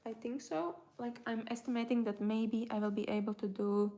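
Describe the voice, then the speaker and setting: Speaking at a moderate pace with a slightly high, steady and warm voice, a woman from Latvia, Latvian by first language, chats casually on her crochet livestream. Her talk wanders, falters and often trails away mid-thought.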